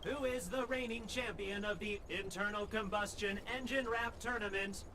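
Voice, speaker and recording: A man's voice: high-pitched, moderate pace, background noise, natural voice. A man voicing a stiff robot scout. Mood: mechanical. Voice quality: flat, clipped machine voice. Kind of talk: game voice acting. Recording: game audio with music.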